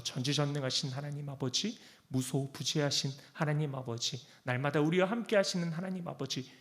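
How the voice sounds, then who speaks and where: A man preaching with great feeling, his voice sitting high and swinging widely as he acts out pleas and answers. He talks like a pastor who is speaking straight to his people. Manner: impassioned preaching, acting out pleas and God's replies. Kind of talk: sermon.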